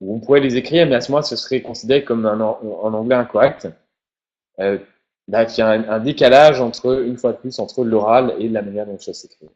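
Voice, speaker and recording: Male teacher, casual lesson, mid-pitch, slightly muffled lo-fi audio. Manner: relaxed, repeats English example phrases slowly. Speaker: English teacher. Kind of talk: informal language lesson.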